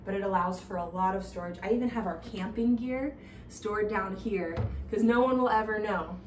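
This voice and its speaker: Walking from room to room, a young, pregnant stay-at-home mom leads an upbeat, chatty vlog tour of her small home, including the kitchen, nursery and bathroom. She speaks at a moderate pace in a mid-range voice, captured by a camera a few steps away with roomy, slightly distant sound, faint ambience and a little hiss or hum.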